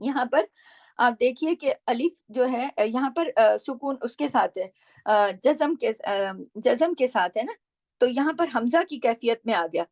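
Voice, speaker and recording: High-voiced woman teaching recitation slowly. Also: expressive, darkish tone, no echo. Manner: patient, repeats syllables slowly to model sounds. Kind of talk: tajweed lesson, explaining pronunciation.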